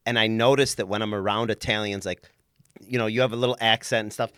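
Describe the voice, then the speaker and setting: A man's voice: fairly low pitch, fairly even intonation, quick pace, fairly bright tone, clean tone, dry recording, clean studio sound. A man co-hosting a casual podcast, chatting in a laid-back way. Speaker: podcast co-host.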